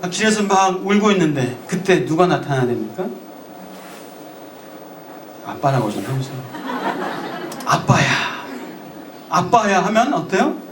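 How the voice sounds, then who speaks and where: A man's voice: a little high, very animated, normal speed, pauses often, noisy background. A male pastor delivering a sermon to a congregation. He acts out quoted lines and keeps asking the congregation questions. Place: church sanctuary. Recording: echoey church, voice from a distance.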